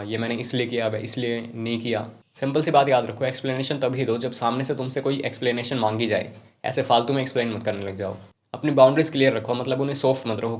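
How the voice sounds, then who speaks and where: A young man giving casual self-improvement advice to camera, talking rapidly and informally. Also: mid-range voice. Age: young adult.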